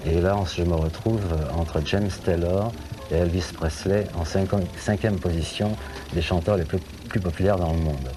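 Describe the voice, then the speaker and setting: A middle-aged French singer, appearing as a guest on a TV show, tells anecdotes in chatty interview talk, rambling with many hesitations. He has a low voice with fairly even intonation and a normal speed, against a noisy background.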